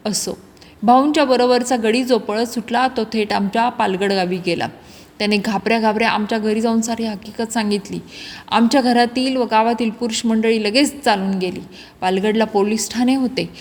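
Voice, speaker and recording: Woman narrating with long echoing reverb. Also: on the high side. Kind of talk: audiobook narration of a classic novel.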